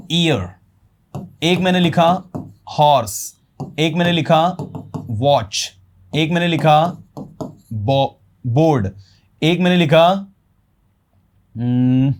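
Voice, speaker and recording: A man's voice: a little high, slow pace, pauses often. A man with a Hindi accent teaching an English grammar lesson, mixing Hindi with English terms and asking rhetorical questions. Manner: explains in Hindi mixed with English terms, asks rhetorical questions and answers them. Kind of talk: classroom-style grammar lesson.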